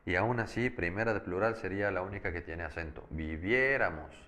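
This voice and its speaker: A man teaching a Spanish grammar lesson, patiently explaining and slowing down to spell out each verb form. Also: low-pitched, fairly bright tone. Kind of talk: grammar lecture.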